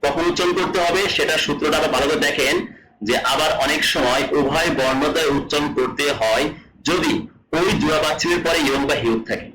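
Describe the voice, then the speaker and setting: Male teacher from Bangladesh, bright and fairly high voice, drills the class with questions, recorded in an echoey room. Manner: repeats rules and asks the class questions. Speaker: Korean language teacher. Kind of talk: classroom lesson explanation.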